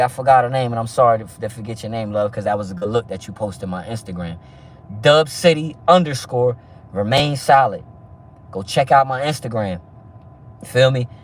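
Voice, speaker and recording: A man in his thirties from New Jersey, hosting a casual live stream in quick, loose street talk and checking in with "you know what I mean" again and again. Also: medium pitch, distant mic. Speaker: livestream host.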